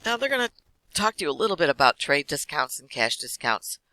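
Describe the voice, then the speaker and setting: A man teaching an accounting class, walking through lecture slides quickly with casual fillers. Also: on the high side, sing-song, sharp tone, no echo, poor audio. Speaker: accounting instructor.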